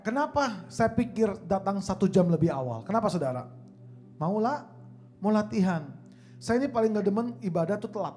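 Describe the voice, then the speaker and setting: Male guest speaker with a high voice, playing a funny church talk for laughs, faint music underneath. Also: mellow. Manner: joking storyteller who addresses the crowd as "Saudara". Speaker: guest speaker, singing coach. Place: church hall.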